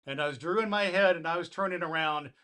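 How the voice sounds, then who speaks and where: A man playing jolly old Santa Claus as a kindly grandfatherly storyteller, reading to children with deliberate, theatrical emphasis. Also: on the high side, bright, forceful tone, clear, resonant tone. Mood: merry, dramatic.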